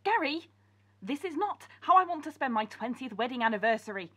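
A woman playing a fed-up, sharp-tongued wife with a husky voice, exasperated and scolding. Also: high voice, sing-song, a little fast, full character voice.

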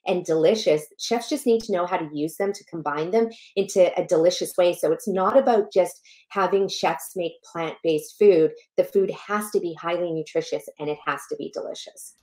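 A woman's voice: lowish voice, moderate pace, few pauses, a little mellow. A middle-aged woman from Malawi, raised in Canada, talking with passion and emphasis as a podcast guest over a headset on a video call from a room at home. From born in Malawi, raised in Canada. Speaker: guest, health educator. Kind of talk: podcast interview.

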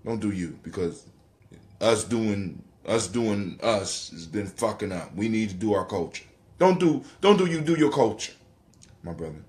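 A middle-aged American man hosts a casual livestream monologue from a dim living room, recorded on a phone or webcam at arm's length. His fairly low voice is expressive, unhurried, and a little mellow; he talks conversationally, swears casually, and repeats phrases for emphasis.

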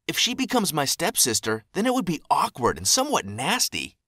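Young male narrator, animated and expressive, dry close recording. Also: fairly high pitch, brisk, no room sound. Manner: animated, voices quoted people. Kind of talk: scripted narration.

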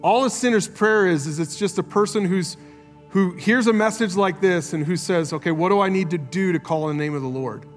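An earnest man preaching a sermon, his fairly high voice lifting for emphasis and sinking soft and low. The live recording carries a long church-hall reverb, with faint music underneath. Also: brisk. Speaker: pastor.

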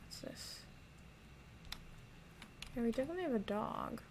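During casual let's-play commentary, a young woman jokes around with her chat and whispers when she hides in the game. Her voice is a little high with lively intonation, at a moderate pace, over some background noise.

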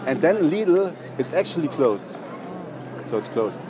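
On a busy city street, a young adult man pulls a prank by telling passersby long-winded, deliberately pointless stories, stuffed with fillers, and carries on right over interruptions. His voice is on the high side with big pitch swings and a slightly slow delivery, with a crowd and traffic noise all around.

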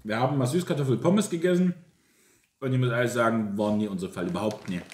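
A man's voice: medium pitch, fast, a little mellow. A man, chatting casually as co-host of a tasting video. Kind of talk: casual chat. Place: domestic room indoors. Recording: roomy echo, clear background noise.

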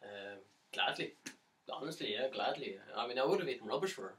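For an audition tape, a man delivers a dramatic monologue as a lovesick, despairing, near-manic young man pleading his case, sounding wounded and wistful. His medium-pitched, animated, sharp voice halts and stammers, nervous laughs breaking into anguished outbursts. The pickup is roomy and distant, with slight background noise.

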